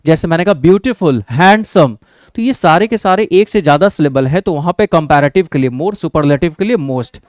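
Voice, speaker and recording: A man teaching an exam-prep English grammar lesson with an Indian accent, often checking in with his class and reading English sentences out slowly. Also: a little high, animated, no echo. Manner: checks in with the class, calls students "babu" and "bhai".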